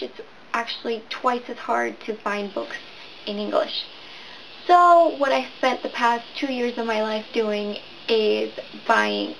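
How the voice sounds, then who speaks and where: A young woman in her twenties chats to camera about her reading life, rambling and quick in bursts. Her voice sits a little high with a gravelly fry, and a faint hiss lies under the recording. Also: poor audio. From Venezuela and San Diego, California. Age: 20s. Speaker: booktuber. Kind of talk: casual chat to camera.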